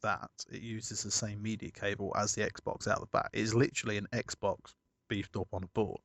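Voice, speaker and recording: A man's voice: on the low side, flat delivery, moderate pace, gravelly, fairly bright tone, no room sound. A man chatting casually as a podcast co-host, rambling through a story and correcting himself as he goes. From United Kingdom.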